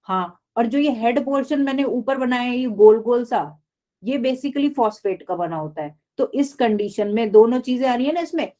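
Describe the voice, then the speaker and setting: A woman's voice: a little high, dark tone. A woman teaching biology in a live online class, explaining step by step and often asking the class questions.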